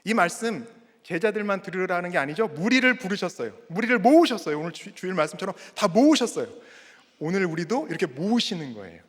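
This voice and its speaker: A man's voice: high-pitched, very animated, quick pace. A middle-aged male pastor preaching a sermon, putting rhetorical questions to the congregation. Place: church sanctuary. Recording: long reverb of a church hall.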